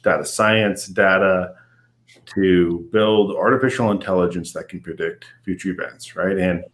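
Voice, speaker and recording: A man's voice: low voice, a little slow. A man, a company CEO, speaking as an interview guest and explaining things at length with many "um"s and "you know"s. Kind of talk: casual business interview.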